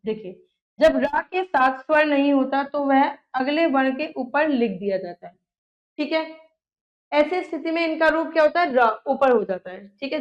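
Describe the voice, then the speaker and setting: A female teacher with a high-pitched voice gives a grammar lesson, sounding out letters one at a time. She often checks in with her students by saying "theek hai," and the audio is dull.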